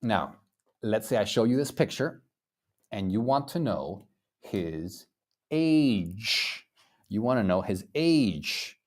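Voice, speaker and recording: Slow, animated man teaching English. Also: fairly low pitch. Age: 30s. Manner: encouraging, praises students often; repeats and drills phrases. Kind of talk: live online language lesson.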